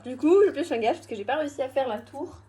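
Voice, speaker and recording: High-voiced chatty young woman vlogging. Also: fast, warm tone. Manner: chatty, self-mocking, bursts of laughter. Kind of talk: casual challenge vlog. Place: at home.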